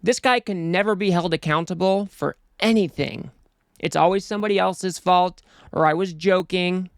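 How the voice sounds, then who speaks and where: A man's voice: high voice, normal speed, gravelly, clean tone, dry recording, studio quality. A man hosting a political commentary show, talking in an exasperated, scornful way.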